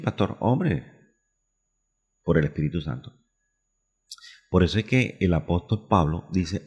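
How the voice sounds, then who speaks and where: A man from Colombia delivers a radio sermon in a very low, husky voice. He asks questions aloud and answers them himself, repeating key phrases for emphasis. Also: darkish tone, long reverb tail. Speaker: pastor.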